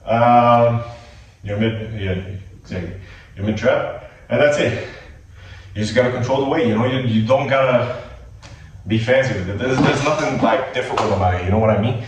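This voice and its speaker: A man's voice: mid-range voice, moderate pace, long pauses, noisy background. Non-native guy w/ american-ish accent talking thru his gym workout, lots of likes n bros, far off cam mic, super echoey. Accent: American-leaning English of a non-native speaker. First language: not English. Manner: loose, filler-heavy, talks like a gym buddy. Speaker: fitness vlogger. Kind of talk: casual workout instruction. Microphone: camera on a tripod at a distance. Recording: very echoey gym, distant camera mic, faint ambience.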